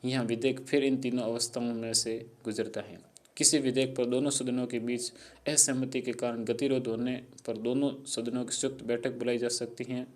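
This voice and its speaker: A man narrating a civics explainer in a monotone reading style, with small slips now and then. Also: medium pitch, moderate pace.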